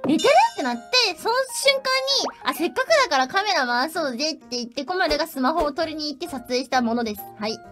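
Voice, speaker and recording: High-pitched giggly girl streamer, super lively bouncy voice, playful chatter, soft music faintly behind. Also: fast talker, hardly any pauses. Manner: giggly, laughs often between sentences. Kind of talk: casual stream chat.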